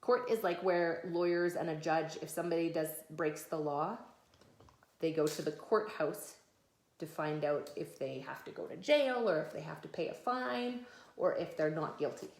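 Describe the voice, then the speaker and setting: Reading a picture book to children as their mother, this woman speaks in a low, creaky, slightly mellow voice at a moderate pace. Her explanations are patient, simple and conversational, recorded in an echoey room.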